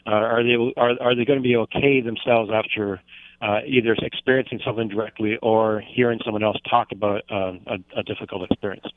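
A man, hoarse from a cold, speaking as a family therapist guest on a radio show. He explains things in long, winding sentences. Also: lowish voice, steady tone, fairly quick, no echo. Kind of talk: radio phone interview. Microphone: telephone. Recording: tinny phone line.

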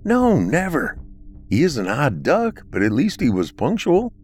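A man voicing a fussy middle-aged male funeral home manager in an audiobook, speaking high and fretful. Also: wildly swooping pitch, a little slow, soft background music.

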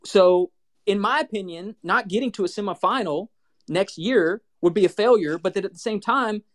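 Male co-host, higher voice, measured debater on a sports podcast. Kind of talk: casual sports talk on a live audio chat.

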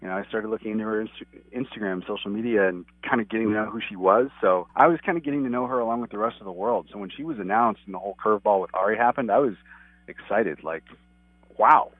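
A lower-voiced man comes through a thin, clipped phone line with a dry sound. He talks earnestly and rambles, stopping and restarting his thoughts as a guest on a call-in interview. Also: quick pace, husky, no room sound. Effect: clipped phone line that cuts out. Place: outside his office.

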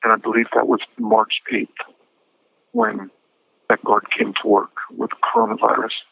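A man in his fifties speaking as an incarcerated interview guest over a prison phone line, measured and a little hesitant, with small restarts. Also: mid-range voice, big pitch swings, creaky, breathy edge, no echo. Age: 50s. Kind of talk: telephone interview. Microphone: prison telephone handset. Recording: muffled phone line, dry.

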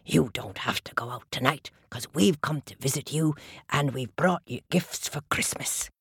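A woman's voice: very deep voice, husky, dry recording, clean studio sound, pitched below the performer's own voice, exaggerated voice. A woman voicing a sensible, good-natured male dog. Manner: plain, sensible and deliberate.

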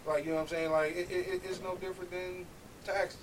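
A man's voice: high-pitched, little pitch movement, quick pace, a little hiss or hum, rough recording. A man talking casually in a group discussion, blunt, profane and slangy.

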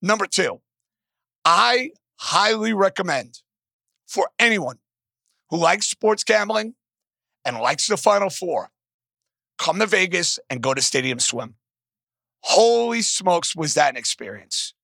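A man hosting a sports betting show in a worn-out, hoarse smoker's rasp, emphatic and repeating phrases for punch. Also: sits high, animated, unhurried, pauses often, bright, forceful tone, no room sound, studio quality. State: voice strained and worn out. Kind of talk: animated sports betting commentary. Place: casino in Las Vegas.

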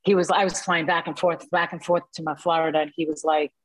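A woman in her sixties, an actress telling stories in a casual interview, animated and quick to laugh, with many fillers. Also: lowish voice, dry recording, rough recording. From born in Cuba, raised in New Jersey. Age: 60s.

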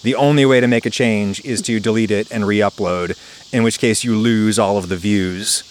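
A man's voice: lowish voice, fairly even intonation, normal speed. A man hosting a casual podcast from a backyard, talking in a wry, conversational way with cicadas and frogs behind him. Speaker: podcast host. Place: outdoors in a backyard at home. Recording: outdoor recording with clear insect noise. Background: loud chorus of cicadas, some frogs.

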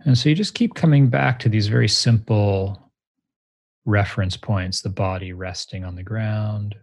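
A man leading a guided grounding meditation exercise, giving gentle, measured instructions in short phrases with pauses between them. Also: on the low side, slightly rough, no echo, studio quality. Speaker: meditation teacher, interview guest.

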